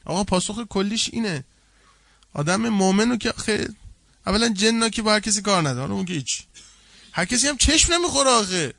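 This high, gravelly male voice belongs to a seminary cleric giving a colloquial sermon rich in anecdotes. He alternates between loud, lively narration and hushed, earnest asides, with no echo on the recording.

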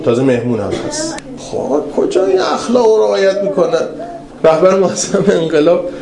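A man preaching a religious lecture, telling stories in an animated way that swings between raised and hushed passages. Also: medium pitch, slight background noise. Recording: roomy hall with faint ambience.

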